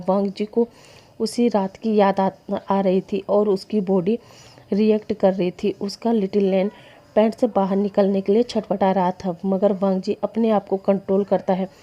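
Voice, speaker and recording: Mellow woman telling a story. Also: mid-range voice. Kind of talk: casual story narration. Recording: dull lo-fi recording.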